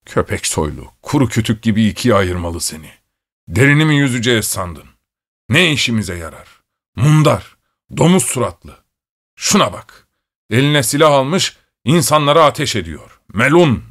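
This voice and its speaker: A man voicing a rough, hungry soldier who barks out insults in a gruff voice. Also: deep voice, animated, moderate pace, hardly any pauses, no echo, clean studio sound. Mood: cursing.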